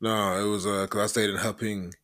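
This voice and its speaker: A man's voice: lowish voice, level tone, fairly quick, fairly bright tone. A man guest on a podcast, teasing the hosts in playful casual chat.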